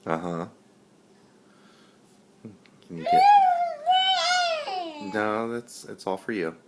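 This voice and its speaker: A man, a parent filming his toddler at the family dinner table, talking gently and patiently to the child on a home video camera. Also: on the low side, wildly swooping pitch, extremely slow, very noisy. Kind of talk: casual home video chat.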